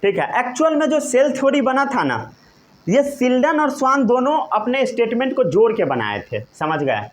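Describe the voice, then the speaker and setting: Male teacher, high and animated, slow deliberate delivery, constantly checks comprehension. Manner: repeatedly checks understanding with short questions; slow, emphatic dictation of key terms. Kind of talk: classroom lecture.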